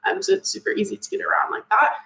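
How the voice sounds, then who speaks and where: Racing along in an extremely high, creaky yet bright voice, this very animated young Maine woman answers viewer comments during a live Q&A, sounding forceful, upbeat and full of ums. She recruits teachers, and her relaxed stream is recorded in an echoey room.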